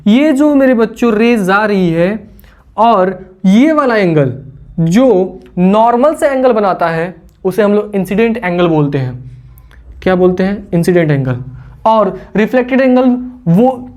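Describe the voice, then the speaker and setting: A man's voice: high-pitched, animated, moderate pace, darkish tone. A male teacher giving a classroom physics lecture, teasing imagined students, repeating key terms and quizzing the class, with English terms mixed in. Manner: mixes English terms into speech.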